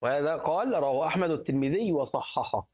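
Speaking fast in a husky, fairly high voice with lively intonation, a middle-aged Egyptian-accented man explains hadith and jurisprudence colloquially as a sheikh. He repeats words aloud and quizzes those listening, and the audio has a thin, phone-like quality.

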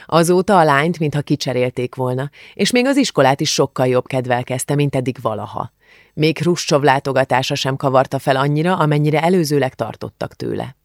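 Calm male audiobook narrator, dry sound. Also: mid-range voice, no room sound.

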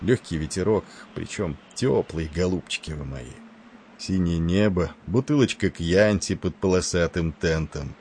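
A man voicing a genial, wisecracking male ship's doctor with an Irish accent, talking with rough familiarity. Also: low voice, unhurried, a little mellow, a little hiss or hum. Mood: wistful.

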